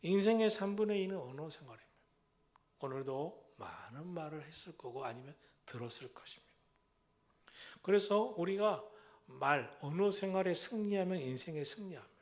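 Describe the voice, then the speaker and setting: 열정적으로 설교하는 중년 남성 목사. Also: male voice, on the high side. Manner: swings between loud exhortation and hushed whispers; repetitive, rhythmic preaching cadence. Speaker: senior pastor. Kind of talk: sermon.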